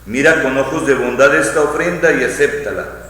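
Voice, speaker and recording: A man, a bishop reciting the Eucharistic prayer in a measured, phrase-by-phrase liturgical delivery. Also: medium pitch, bright, forceful tone. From Colombia. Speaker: bishop celebrating Mass. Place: large church. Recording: echoey church with long reverb.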